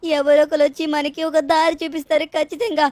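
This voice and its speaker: A small cartoon boy with a high, flat voice, as a woman acts him out. He talks earnestly and comfortingly, in a dry, close recording for a game-video dub. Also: a little fast, dry recording, lightly acted.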